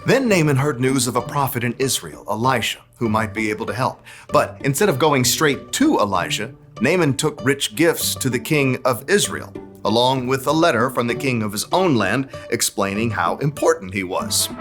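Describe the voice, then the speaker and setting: A man's voice: mid-range voice, animated, normal speed, fairly bright tone. Casting: male narrator for children's Bible stories, middle register, faint music underneath. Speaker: story narrator.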